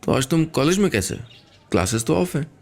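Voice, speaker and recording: A man's voice: a little high, sing-song, brisk, gravelly, pitched above the performer's own voice, exaggerated voice. A man playing an earnest young teacher. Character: young male college teacher, earnest, thoughtful.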